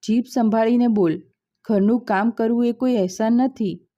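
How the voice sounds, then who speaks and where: A bitter, scolding older mother-in-law from a storybook, as a woman narrator puts her on. The voice sits dark and mellow, and the recording sounds a little dull. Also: on the high side, fairly even intonation, moderate pace, natural voice. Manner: sharp, scolding.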